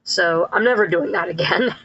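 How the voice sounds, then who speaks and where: A streamer talking through a live gameplay session with a voice digitally pitched up like a chipmunk, rambling and correcting themselves with frequent laughs. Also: normal speed, a bit bright, husky, muffled recording. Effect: pitched-up chipmunk-like voice filter.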